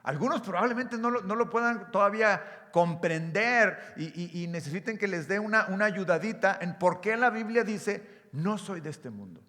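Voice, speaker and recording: Mexican pastor, man, bright forceful tone, slightly high, lively crowd-engaging sermon in a reverberant hall. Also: moderate pace, few pauses. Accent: Mexican Spanish. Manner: engaging, asks the crowd questions, repeats words. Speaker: pastor, conference speaker. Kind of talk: live sermon to a youth audience. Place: church or event hall.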